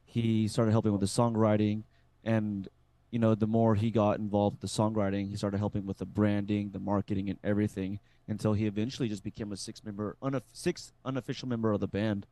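Low, mellow-voiced band guy. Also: brisk, dry recording. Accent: Texan. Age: 20s. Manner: energetic, repeats himself. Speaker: band vocalist. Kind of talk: casual interview.

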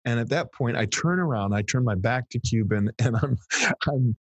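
A man in his fifties, a guest on an interview show, telling animated stories and often repeating the first words of a phrase. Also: medium pitch, moderate pace, breathy edge, no echo. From Texas, US. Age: 50s. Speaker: guest, PR firm founder. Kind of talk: storytelling interview chat.

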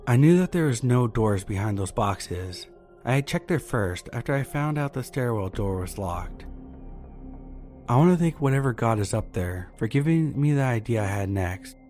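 A man narrating a listener's true horror story in a measured, earnest way. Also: medium pitch, lively intonation, darkish tone. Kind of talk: reading submitted true scary stories. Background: faint background music.

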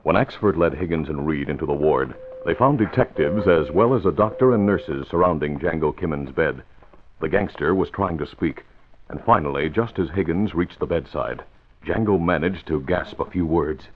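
In a very deep, expressive voice at normal speed, a man narrates a 1940s radio crime drama with formal, dramatic storytelling. Dramatic music accompanies him, and the muffled old radio recording carries a little hiss or hum.

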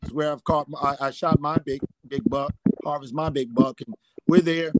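A man's voice: on the high side, fairly even intonation, moderate pace, very noisy. A middle-aged man telling rambling hunting anecdotes as a guest, often repeating "I said.". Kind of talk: storytelling anecdotes.

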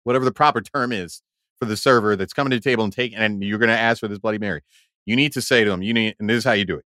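A Haitian man with a low, racing voice co-hosts a podcast, animatedly telling stories with plenty of laughter and repeated words. The sound is clean studio quality with no echo.

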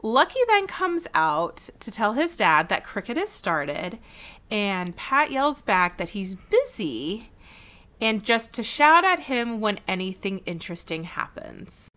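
A woman co-hosting a podcast, recapping a cartoon episode in a casual, animated way with frequent laughs. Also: mid-range voice. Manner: animated storytelling with laughs and quick asides. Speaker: podcast co-host.

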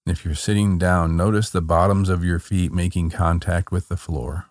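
A man guiding a body-scan relaxation in a calm, meditative tone, gently giving short soothing instructions. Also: deep voice, normal speed, dry recording, clean studio sound. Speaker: meditation guide.

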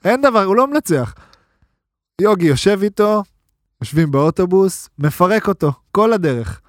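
Guy on a podcast telling a story all animated, a bit high voiced, laughs a lot, dry mic. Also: no room sound. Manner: lively, laughs while telling stories. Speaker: podcast guest, basketball player. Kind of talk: animated storytelling in casual chat. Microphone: studio mic.

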